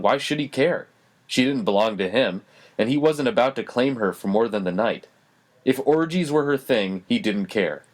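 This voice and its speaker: A man narrating a romance audiobook in a measured, expressive way, close to the mic. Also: mid-range voice, no echo.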